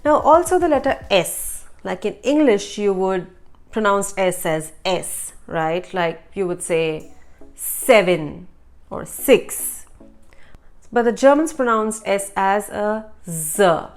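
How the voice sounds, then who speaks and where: Slow, careful woman teaching pronunciation. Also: mid-range voice, animated. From India. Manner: slow, careful, repeats words for learners. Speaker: German language teacher. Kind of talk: pronunciation lesson.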